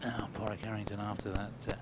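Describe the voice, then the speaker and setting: A man's voice: lowish voice, level tone, fast. A man giving live golf commentary in a conversational, informative way. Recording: very noisy outdoor broadcast sound.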